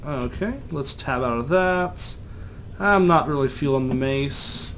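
This let's play gamer is a young man who rambles and chats as he plays, often putting himself down. He has a medium-pitched, fairly bright voice and a measured pace, with faint background noise.

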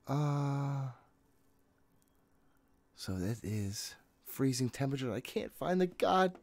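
A man in his thirties with a mid-range voice streams a horror game from a small room at home, with no room sound audible. His casual live commentary is jittery self-talk, and he swears often.

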